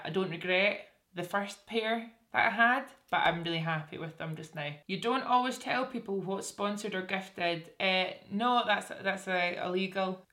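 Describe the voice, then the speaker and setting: Her voice sits fairly low and has a sharp edge. The young woman, a Scottish beauty vlogger, addresses her viewers' assumptions in a relaxed, self-mocking way, restarting a lot, from a small room with a curtain behind her.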